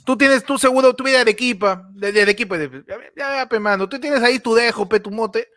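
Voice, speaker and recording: A man with a Peruvian accent co-hosting a casual comedy podcast, loud and joking, laughing often. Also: very high voice, fast. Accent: Peruvian Spanish. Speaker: podcast co-host.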